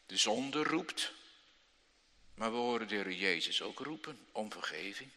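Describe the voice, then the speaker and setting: A man gives a children's sermon at an unhurried pace, with a bright, forceful tone. His voice carries a long reverb from the church hall. He tells the story dramatically and often turns to his young listeners with questions. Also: lowish voice, expressive. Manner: slow, dramatic storytelling with sudden loud outbursts and questions to listeners. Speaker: pastor.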